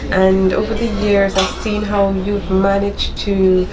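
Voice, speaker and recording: A woman's voice: medium pitch, monotone, slow, crowd noise, low-quality recording. A woman who hosts an interview show, chatty and talkative, speaking casually with her guest. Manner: chatty, warm-hearted, talkative. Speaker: talk show host. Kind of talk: conversational interview. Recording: loud music behind the talk.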